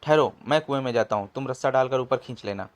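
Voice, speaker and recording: A man's voice: medium pitch, fast talker, dry recording, lightly acted. A man voicing a bossy middle-aged village chief of thieves who scolds and blusters. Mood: scolding.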